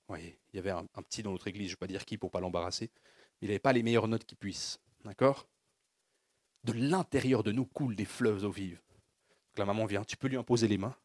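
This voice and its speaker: Husky, lively French-speaking preacher man. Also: lowish voice, no echo, clean studio sound. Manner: call-and-response preaching with rising fervor. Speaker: pastor. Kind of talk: sermon.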